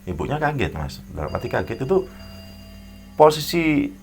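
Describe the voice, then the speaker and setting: A man, a guest in an interview telling a story in a rambling, animated way and acting out the people in it. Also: mid-range voice, moderate pace, slight background noise. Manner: rambling, animated retelling with acted quotes. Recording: clear background music.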